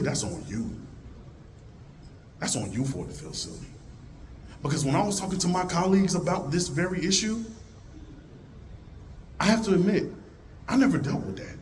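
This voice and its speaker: With a slight hiss or hum in the recording, a deep-voiced man gives an animated motivational talk in a conference hall. Before the live audience he alternates between loudly calling out to the crowd and dropping into hushed, low tones.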